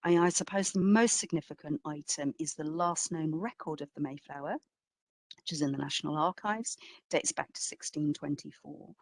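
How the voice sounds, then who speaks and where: A woman with a deep, creaky voice speaks at a normal speed in a dry recording. She plays an exhibition curator at a history talk, answering in an informal, reflective way, with conversational emphasis and plenty of qualifications.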